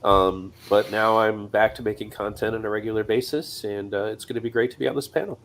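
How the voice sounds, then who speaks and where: A man who is a podcaster, moderating a panel with steady, lightly hesitant questions. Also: fairly low pitch, fairly quick, slight background noise. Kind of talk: casual panel chat.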